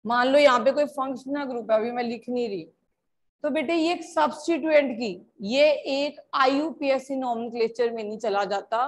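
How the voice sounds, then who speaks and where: A woman from India teaching a chemistry class, switching between Hindi and English, calling her students "beta" and checking often that they follow. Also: high-pitched. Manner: slow, deliberate explanation. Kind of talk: classroom lecture.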